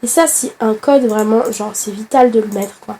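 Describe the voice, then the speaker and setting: A woman with a hoarse voice from a flu, chatting straight to the viewer in a casual game tutorial, with hesitant fillers. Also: fairly high pitch, normal speed, dark tone, slight background noise. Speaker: gaming tutorial host.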